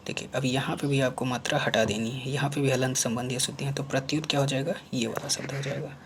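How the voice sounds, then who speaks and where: A man's voice: medium pitch, fairly even intonation, fast, noisy background. A man teaching a spelling lesson for an exam, saying each word over and over and asking and answering his own questions, sometimes dropping to a murmur while he writes. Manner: repeats each word several times, asks and answers himself; drops to murmurs while writing on screen.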